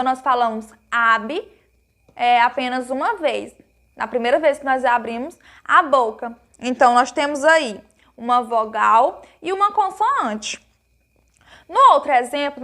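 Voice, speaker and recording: High-voiced Brazilian woman teaching children. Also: sharp tone. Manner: patient, explains step by step, asks pupils questions and answers them herself; affectionate, uses diminutives. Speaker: primary school teacher. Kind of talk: recorded grammar lesson for young children.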